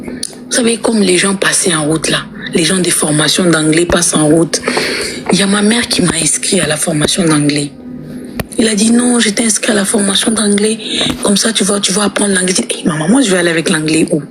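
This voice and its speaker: A woman's voice: fairly low pitch, brisk, music in the background. A woman with a Congolese French accent chatting playfully to followers on a live stream, teasing and repeating words. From Democratic Republic of the Congo. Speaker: livestream host. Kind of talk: casual live chat with followers.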